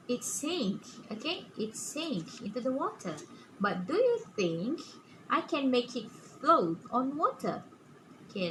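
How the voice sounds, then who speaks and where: A woman with a fairly high voice speaks very slowly in a kids show host manner, guiding young children through a simple demonstration. Her delivery is halting, with frequent little check-in questions. The recording has clear background noise. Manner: halting, often punctuated with "okay?". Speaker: preschool science teacher presenting a demonstration. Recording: clearly noisy room recording.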